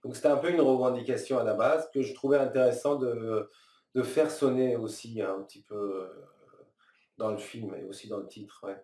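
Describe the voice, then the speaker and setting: A man in his thirties from Iran talks through his ideas in an interview, pausing and restarting often, stacking fillers as he searches for words. His voice is warm and mellow, heard a little off-mic in a roomy space. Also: medium pitch. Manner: thoughtful, halting, many restarts and fillers, gestures with both hands. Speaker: filmmaker being interviewed. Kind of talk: reflective interview answers. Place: small room, seated at a table. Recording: roomy, slightly distant sound.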